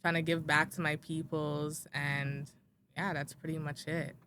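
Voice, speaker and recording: Low-voiced hesitant woman guest. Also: little pitch movement, measured pace, fairly bright tone. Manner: hesitant, many ums. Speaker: guest artist. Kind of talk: casual interview. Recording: clear background noise.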